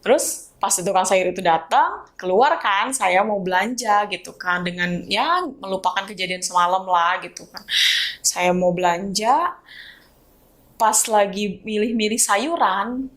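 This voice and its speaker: A woman with a Sundanese-tinged Indonesian accent telling her own ghost story casually and acting out the dialogue. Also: medium pitch. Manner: animated, acts out the dialogue in changed voices. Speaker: guest storyteller.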